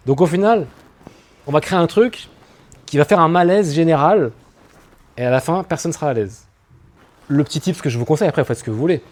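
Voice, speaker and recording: Man coaching on public speaking. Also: on the high side. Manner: lively, animated coaching talk with spoken asides. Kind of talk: talk to an audience on stage. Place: room with an audience.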